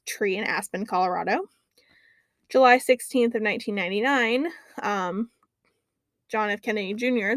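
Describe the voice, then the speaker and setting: A woman's voice: mid-range voice, dry recording. A woman co-hosting a casual podcast, reading dates and facts from her notes with frequent ums. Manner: chatty, fills pauses with "um". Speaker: podcast co-host. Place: lives near an Alaskan lake.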